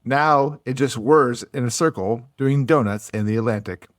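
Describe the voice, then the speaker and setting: A man's voice: medium pitch, moderate pace, no echo, studio quality. A man co-hosting a casual podcast, narrating a history story and breaking into jokes and laughter. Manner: laughs often, jokey asides.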